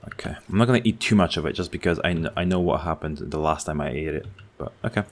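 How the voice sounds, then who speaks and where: A man with a notably low-pitched voice talks through a video game in a casual let's-play style. He is excitable and chatty, thinking out loud as he explores. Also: fast. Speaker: gaming channel host.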